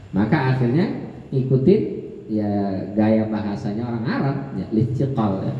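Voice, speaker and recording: A man teaching Quran commentary in a joking way, slowly drawing out Arabic words and acting out short dialogues. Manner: jokey, acts out dialogue with rising pitch. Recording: echoey hall, dull lo-fi sound.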